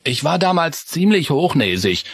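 A man voicing an eager, chatty young boy mouse in a children's story, raising his voice high. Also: normal speed, slightly rough, dry recording, exaggerated voice. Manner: excited, chatty.

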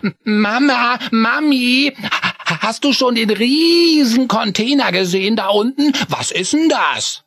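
A man's voice: on the high side, a little slow, breathy edge, no echo, voice pushed up, full character voice. Chris, an eager little boy mouse, voiced by a man. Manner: excited, chatty.

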